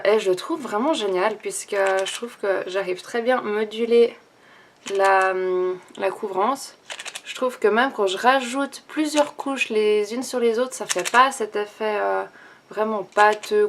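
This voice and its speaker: A young woman talking casually through a makeup tutorial and review, thinking aloud with many pauses and restarts. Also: medium pitch, slight background noise. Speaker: beauty vlogger.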